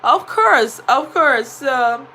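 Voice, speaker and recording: A woman's voice: high-pitched, lively intonation, drawn-out words, bright, forceful tone, slight background noise. A woman with a Nigerian accent, a teacher, chatting on a live stream and telling a story with many fillers. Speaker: vlogger and teacher.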